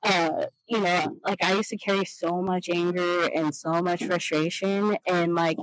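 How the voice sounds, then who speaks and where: A woman hosting a casual podcast chat, talking in a halting, rambling way full of "like" fillers. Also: lowish voice, fairly even intonation, dry recording, low-quality recording. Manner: halting, heavy use of "like" fillers. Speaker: podcast host.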